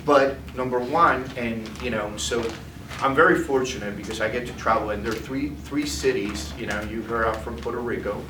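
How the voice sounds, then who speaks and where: Speaking at normal speed in a medium pitch, a man leads a live product demonstration in a food trade demo room, punctuating his points with "okay?". The audio is echoey and noisy, captured from a far-off mic.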